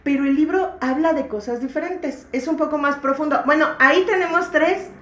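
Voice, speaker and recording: A woman's voice: sits high, brisk, fairly bright tone, roomy sound. A woman with a Mexican accent, co-hosting a casual book chat, slangy and laughing often. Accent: Mexican Spanish. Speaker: podcast co-host. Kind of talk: casual chat about books.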